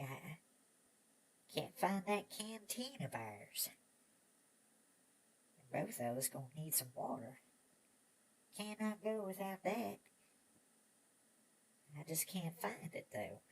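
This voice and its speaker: An actor playing an excitable, chatty old prospector with an American Old West drawl, stammering and rambling in a Western audio drama. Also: male voice, sits high, slow, long pauses, slight background noise, heavily acted. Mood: puzzled, folksy. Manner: rambling, stammering, repeats words, chuckling old prospector talk.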